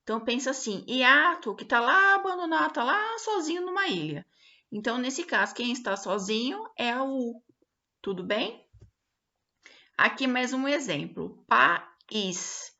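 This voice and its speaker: Woman teacher, fairly high and bright, very slow remote lesson with frequent check-ins, dull lo-fi recording. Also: gravelly. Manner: slow, patient, stretches example words out syllable by syllable, frequent check-ins. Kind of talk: remote grammar lesson for pupils.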